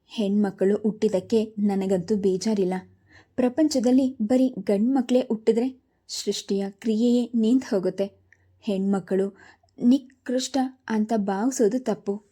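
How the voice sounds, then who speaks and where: A woman's voice: mid-range voice, fairly even intonation, unhurried, breathy edge. A woman reading the lines of a cheerful, frank young woman doctor in a storybook. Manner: warm, direct.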